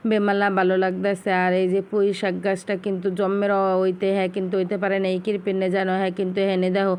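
Fast-chatting woman with a Barishal accent. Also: medium pitch, completely flat delivery, a little mellow, clean tone. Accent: Barishal Bengali. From Bangladesh. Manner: chatty, addresses viewers directly. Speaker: vlogger. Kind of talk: casual home vlog chat.

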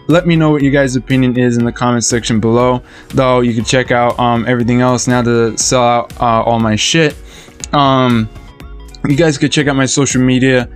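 A man talks casually to his viewers as a trailer reaction host, rambling and padding his sentences with fillers. His voice is smooth and resonant, at an ordinary middle pitch. A little music plays faintly behind him. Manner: rambling, many fillers and repeated "though". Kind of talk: casual chat to camera.

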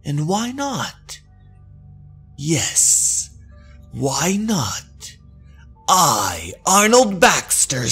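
A man's voice: high voice, sharp tone, slightly rough, voice pushed up, full character voice. Man playing a gloating, swooping comic-book villain. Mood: gloating, manic. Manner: theatrical, gloating. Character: gloating greedy male villain, scheming and murderous.

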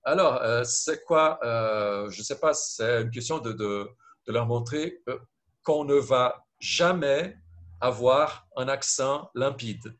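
A Brazilian man, a teacher on a panel, speaks hesitant French with a Brazilian Portuguese accent during a round-table video call. His voice is medium-pitched and fairly bright, his pace slow, and he often checks in with "d'accord?".

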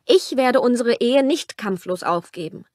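A woman's voice: medium pitch, normal speed, dry recording, studio quality, lightly acted. A woman reading a romance audiobook aloud and voicing a passionate young wife, her delivery pleading and emphatic.

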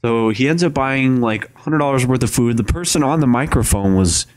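A man's voice: medium pitch, normal speed. A young man casually telling a rambling story as a podcast co-host. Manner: rambling, self-correcting, plays characters in his story.

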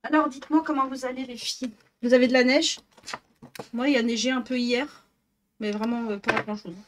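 A woman's voice: fairly high pitch, fairly even intonation, brisk, slight background noise. Chatty French-speaking woman streamer. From northern France. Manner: chatty, greets viewers by name, self-mocking. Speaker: Twitch streamer. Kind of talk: casual live-stream chat with viewers. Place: home office.

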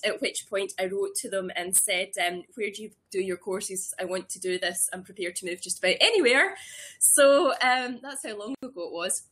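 A woman in her thirties who grew up in Scotland, hosting a webinar as a herbalist from a small room at home, talking warmly and eagerly with many ums and restarts. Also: mid-range voice. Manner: warm and enthusiastic, with frequent ums and restarts. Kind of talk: casual webinar talk. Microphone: webcam or laptop mic on a video call.

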